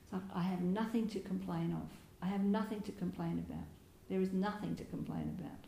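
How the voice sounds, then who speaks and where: A woman giving a Buddhist dharma talk as a meditation teacher, speaking gently and reflectively, with soft laughs and small hesitations. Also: lowish voice, steady tone, brisk, creaky. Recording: roomy hall with faint background noise.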